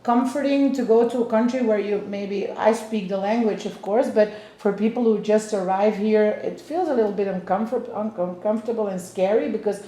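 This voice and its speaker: A woman's voice: mid-range voice, moderate pace, hardly any pauses, mellow. A woman in her fifties from Belgium, a real estate agent interviewing clients in a casual chat, explaining at length with many restarts. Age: 50s. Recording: echoey room.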